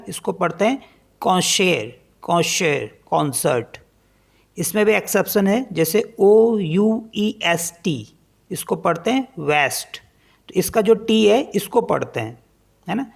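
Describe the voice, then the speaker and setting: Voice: mid-range voice, animated, a little slow, gravelly, breathy edge. A language teacher explaining French pronunciation in Hindi, spelling each word letter by letter and then repeating how it is read.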